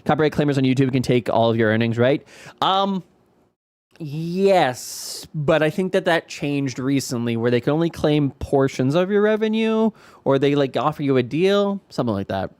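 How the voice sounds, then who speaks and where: A man's voice: fairly high pitch, lively intonation, moderate pace, darkish tone, clean tone, no room sound. A man hosting a live stream, commenting with jokes, teasing and incredulous remarks. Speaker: streamer host.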